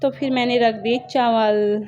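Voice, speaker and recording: Speaking at a measured pace in a steady, slightly high and mellow voice, a young vlogger walks through her day in a casual, meandering, homely manner. Her Hindi carries a Pahari tinge. The recording is muffled, with a bit of hiss or hum.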